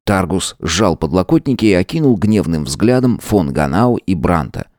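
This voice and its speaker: Мужчина с очень низким голосом ровно и размеренно читает аудиокнигу. Запись сухая, без отзвука помещения. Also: male voice, low voice, no room sound, studio quality. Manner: steady, measured reading. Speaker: audiobook narrator. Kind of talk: scripted narration.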